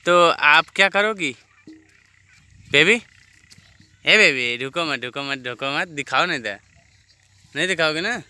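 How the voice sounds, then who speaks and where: A man records a casual outdoor vlog beside farm fields, speaking in an unhurried way. His voice is bright and clean as he coaxes a little girl along. He slips simple English phrases in among his everyday talk. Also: fairly high pitch, animated, clear, resonant tone, dry recording. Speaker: vlogger.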